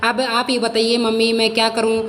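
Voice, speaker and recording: A woman's voice: a little high, completely flat delivery, moderate pace, fairly bright tone, long reverb tail, a little hiss or hum, close to an everyday voice. A woman voicing a bitter, quarrelsome married daughter in a storybook reading, with a complaining, indignant manner.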